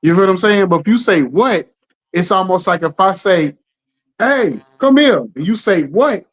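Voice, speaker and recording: A man co-hosting a casual talk show, telling stories with lively acted-out quotes and a steady "you know what I'm saying.". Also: fairly quick. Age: adult parent. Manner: animated storytelling, acts out quotes with jumps in pitch. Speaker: podcast co-host. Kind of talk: casual chat.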